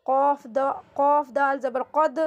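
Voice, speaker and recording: A woman teaching Quran reading, spelling out syllables slowly and dragging them out, then giving quick explanations in a Pakistani Urdu accent. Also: high voice, fairly even intonation, highs cut off. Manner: slow drawn-out syllables, brisk asides.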